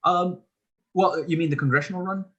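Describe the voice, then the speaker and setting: A man's voice: high voice, brisk, a bit bright, lo-fi sound. A man in his thirties, a political candidate being interviewed, explaining his views earnestly at length with frequent restarts. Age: 30s. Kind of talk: casual interview talk.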